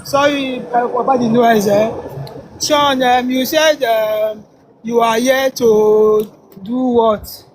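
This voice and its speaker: A man asking a question over a choppy online call that keeps breaking up, with a noisy background; he speaks haltingly and keeps checking he can be heard. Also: extremely high pitch, steady tone. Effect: choppy call audio breaking up, noisy background. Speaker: audience member asking a question. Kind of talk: online group discussion.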